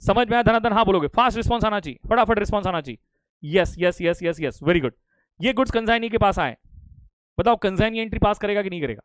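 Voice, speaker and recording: Indian man, middle-aged accounting tutor, high voice, repeats and pushes for fast answers, dry close sound. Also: lively intonation, clean tone, no echo. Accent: Indian English. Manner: drilling repetition, urging quick answers. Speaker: accounting teacher. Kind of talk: live online lecture.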